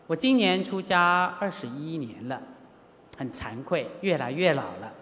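A middle-aged Buddhist teacher from Taiwan preaches with lively rises and falls in pitch. The teacher acts out dialogue and keeps asking the listeners rhetorical questions. A long hall reverb trails every phrase. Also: unhurried. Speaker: Buddhist teacher giving a sutra lecture. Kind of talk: sermon with personal storytelling. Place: lecture hall at a Buddhist centre.

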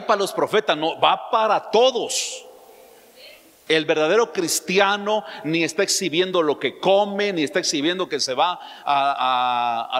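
A man preaching a sermon as pastor, emphatic, throwing out rhetorical questions and rising suddenly to loud lines. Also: on the high side. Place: church. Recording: long church-hall reverb.

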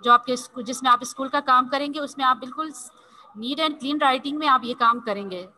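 A woman's voice: high voice, sharp tone, slight background noise, low-quality recording. A woman teaching an online language class, spelling words out letter by letter and patiently coaxing her pupils with constant check-ins. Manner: repeats "theek hai" constantly and spells words letter by letter slowly. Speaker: Urdu teacher. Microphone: video call.

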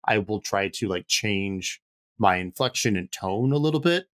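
A man's voice: on the low side, normal speed. Laid-back male guest who laughs easily. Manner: relaxed, laughs often, many fillers. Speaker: panel guest, game master. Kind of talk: casual panel chat.

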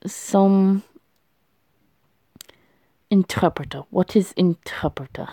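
A woman's voice: mid-range voice, takes it slowly, mellow, slightly rough, no echo. A woman vlogger chatting casually to herself as she works through a quiz, laughing often. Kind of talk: casual thinking aloud while doing a language quiz.

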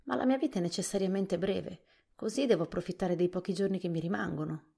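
A woman reading a storybook softly, voicing an anxious, childlike pumpkin-headed man. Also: fairly low pitch, fast talker, creaky, breathy edge, pitched above the performer's own voice. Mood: fretful. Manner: fretful, plaintive.

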